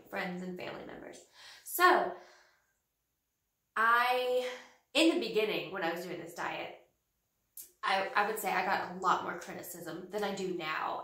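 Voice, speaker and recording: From a small home office, a woman in her thirties with a bit of a cold speaks to the camera in a casual vlog. Her mid-range voice sounds pushed and bright. She is earnest yet slow and halting, full of fillers, and the camera audio is roomy and a touch distant.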